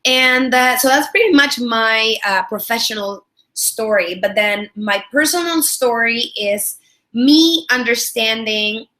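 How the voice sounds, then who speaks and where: Pushed and bright, her fairly high voice moves at a measured pace. She is a woman in her thirties from El Salvador, a product strategist and trainer, giving a friendly business webinar in a Salvadoran Spanish accent, with many fillers and repeated words.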